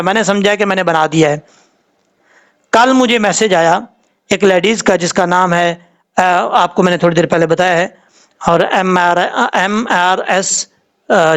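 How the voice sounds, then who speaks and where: Man, Pakistani Urdu accent, high-pitched, patient Quran lesson, slow drawn-out sounds. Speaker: Quran teacher. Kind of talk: teaching Quran reading.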